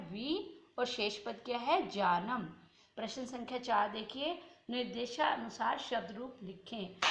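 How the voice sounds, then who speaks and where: A woman's voice: a little high, reverberant. A woman teaching a class, patiently walking through exercises and asking questions that she then answers herself. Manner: patient, asks and answers her own questions, drawn-out recitation. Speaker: Sanskrit teacher. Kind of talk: classroom lesson explaining exercises.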